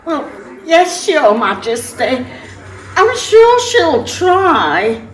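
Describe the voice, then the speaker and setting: A woman's voice: sits high, sing-song, drawn-out words, exaggerated voice. A woman playing a boastful but nervous miller in a rhyming pantomime, with exaggerated theatrical delivery. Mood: nervous, meek. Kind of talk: rhyming amateur pantomime acting. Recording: echoey room, distant microphone.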